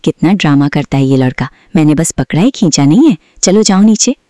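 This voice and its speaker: A woman's voice: deep voice, animated, fairly quick, mellow, no echo, clean studio sound. A woman voicing a loving, scolding motherly figure in a storybook. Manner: scolding, affectionate.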